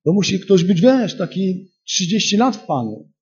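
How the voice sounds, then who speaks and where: A man preaching a charismatic sermon to a congregation in a church hall. He rises to loud, emphatic peaks and drops to quiet storytelling. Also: sits high, very animated, unhurried, slightly rough, muffled recording.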